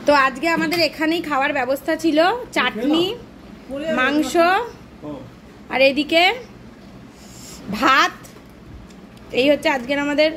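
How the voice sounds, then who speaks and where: A woman's voice: high voice, fairly even intonation, unhurried, pauses often. A young woman from Kolkata with a Kolkata Bengali accent, chatting casually to her phone camera at home in a vlog. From Kolkata, India. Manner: chatty, narrates family moments to the camera. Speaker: lifestyle vlogger. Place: family home, indoors. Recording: noisy home phone recording.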